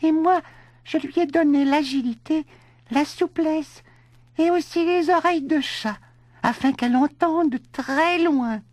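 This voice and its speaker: A man voicing a small talking cat in a storybook, calm and explaining. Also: very high voice, unhurried, dry recording, pitched above the performer's own voice.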